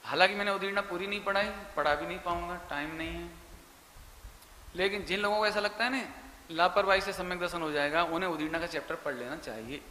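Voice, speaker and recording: High, sharp-voiced man preaching in an echoey hall. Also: fairly quick. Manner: animated, emphatic, addresses listeners directly. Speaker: Jain preacher. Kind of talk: sermon. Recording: echoey hall with faint noise.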